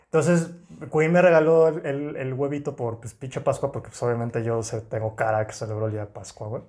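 A man's voice: mid-range voice, fairly quick. Joking Mexican guy telling a story. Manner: crude, joking, lively storyteller. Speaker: podcast co-host. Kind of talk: casual chat, telling a funny story.

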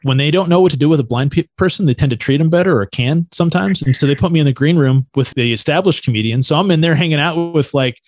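A man, a stand-up comedian guest, telling anecdotes in a casual, slangy, animated way. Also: fairly high pitch, quick pace, hardly any pauses. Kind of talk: casual storytelling.

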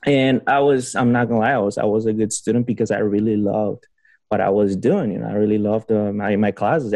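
On a podcast, a young PhD student from Honduras talks in a rambling, casual way, full of fillers and restarts, and he laughs a lot. His voice is gravelly and on the low side, with a darkish tone. There's no room sound at all.

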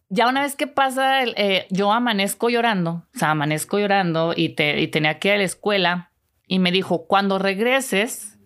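A woman's voice: on the low side, fairly bright tone, clean tone. A woman with a Mexican accent telling a personal story to her viewers in a casual, chatty way, full of fillers, often turning to speak to them directly.

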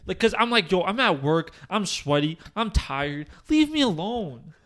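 A young man hosting a podcast, telling a long story in animated bursts, swearing and restarting his sentences, full of fillers. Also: high voice, normal speed. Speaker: podcast host. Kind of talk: casual chat.

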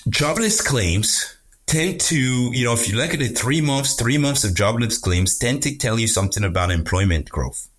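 Halting, emphatic man giving economic analysis. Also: medium pitch, expressive, a bit bright, breathy edge. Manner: halting, repeats words and phrases. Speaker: economist guest commentator.

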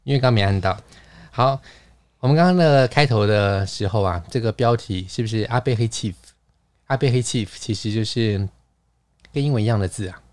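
A man's voice: fairly low pitch, moderate pace, darkish tone, no echo. A man hosting a casual podcast, playful and chatty, explaining words at length with frequent laughs. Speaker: podcast host. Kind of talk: casual chat.

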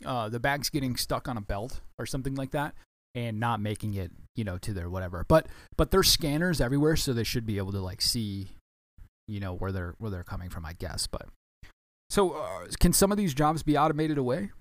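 A man's voice: medium pitch, expressive, fairly quick, no room sound, studio quality. A man hosting a casual solo podcast, talking in a rambling way with many restarts and self-corrections, sounding a bit tired. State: tired, yawning. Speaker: podcast host, former baggage handler.

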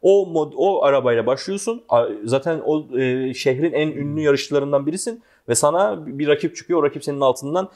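A man's voice: a little high, fairly quick, few pauses, darkish tone. A young man, co-hosting a casual gaming discussion and explaining his opinions. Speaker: gaming show co-host. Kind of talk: casual video game discussion.

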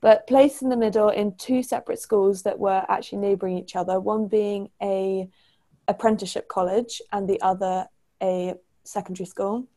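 A woman's voice: medium pitch, fairly even intonation, normal speed, mellow. A young woman guest on a podcast, chatting casually and describing things with enthusiasm. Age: young adult. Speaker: podcast guest, former language assistant. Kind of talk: casual chat.

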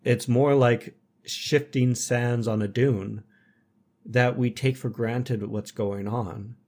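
A man hosting a podcast who speaks in measured, reflective statements during casual chat. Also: medium pitch, fairly even intonation, darkish tone. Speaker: podcast host.

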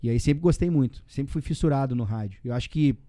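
A man in his forties with a Rio Grande do Sul accent, speaking quickly and tumbling from one story to the next. His voice is dark and mellow, heard dry and close. He keeps dropping tag questions and casual slang as he talks. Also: medium pitch, no room sound. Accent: Rio Grande do Sul Portuguese. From southern Brazil. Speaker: guest.

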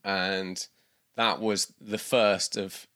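A man's voice: low voice, fairly even intonation, very slow, bright, forceful tone. A man from the UK in his thirties, chatting casually as a guest, rambling with many restarts and fillers. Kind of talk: casual interview chat.

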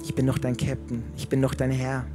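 A man voicing Jesus in a sermon, speaking softly, quietly and tenderly. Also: mid-range voice, monotone, a little fast, loud music behind the voice, close to an everyday voice. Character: gentle, reassuring male Jesus.

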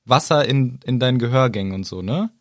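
A man's voice: mid-range voice, lively intonation, brisk, no echo. Chatty male podcast co-host with an easy laugh, dry close mic. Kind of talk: casual book discussion podcast.

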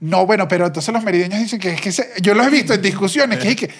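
A man with a Caracas Venezuelan accent who hosts a podcast, chatting in an animated way and laughing often. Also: sits high, quick pace, husky. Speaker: podcast host. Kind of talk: casual chat.

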